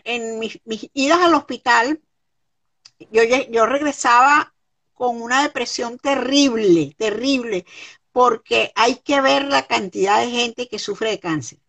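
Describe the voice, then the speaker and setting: A woman's voice: on the high side, a bit bright. A middle-aged Venezuelan woman, a guest in an interview, speaking earnestly and repeating words for emphasis. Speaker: guest, comedian. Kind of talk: conversational interview.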